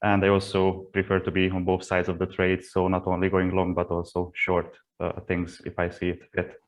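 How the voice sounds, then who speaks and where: A man from Hungary introducing himself on a video call with earphones, calm and measured. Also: low voice. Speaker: panel guest. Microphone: earphone headset on video call.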